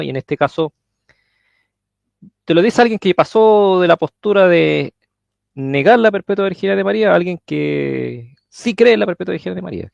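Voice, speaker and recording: A Chilean man speaking as a guest on a live religious stream, often pausing and searching for words. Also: on the high side, vocal fry, dry recording, muffled recording. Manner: hesitant, searching for words, many fillers.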